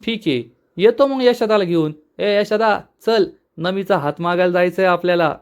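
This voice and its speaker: A man voicing a cheeky, protective younger brother in a retold story, bold and teasing, with a smooth voice. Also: high-pitched, moderate pace, lightly acted. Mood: defiant.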